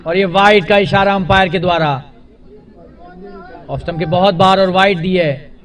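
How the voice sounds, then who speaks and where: High-pitched male cricket commentator, live match. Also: fairly even intonation, moderate pace, a bit bright, far from the mic.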